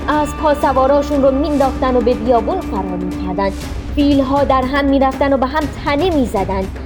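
Brief: female storyteller, expressive children's-story narration, soft music bed. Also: high-pitched.

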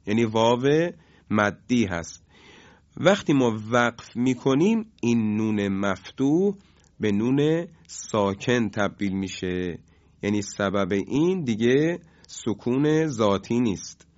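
Male recitation teacher, mid-pitched, measured explanations with sung examples, muffled recording. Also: darkish tone. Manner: explains slowly, chants examples drawn out. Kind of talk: lesson on tajwid rules. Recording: dull lo-fi recording.

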